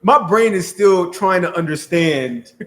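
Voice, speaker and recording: A man with a fairly high voice talks casually as a guest on a show. He recounts an experience with animation, often circling back and repeating a phrase to drive it home. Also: expressive, measured pace. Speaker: podcast guest.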